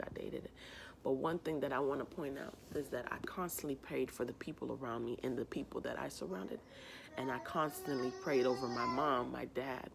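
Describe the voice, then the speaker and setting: Low gravelly woman, earnest heartfelt talk. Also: a little hiss or hum. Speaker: vlogger. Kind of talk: personal reflection vlog.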